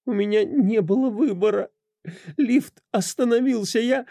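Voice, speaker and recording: A man's voice: on the high side, slow pace, vocal fry, dark tone, no room sound, studio quality, voice pushed up, heavily acted. A man voicing a tearful woman confessing. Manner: trembling, tearful pleading.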